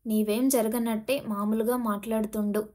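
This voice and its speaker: A woman's voice: a little high, flat delivery, normal speed, warm tone, close to an everyday voice. A woman voicing a frank woman friend giving matter-of-fact advice. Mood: advising.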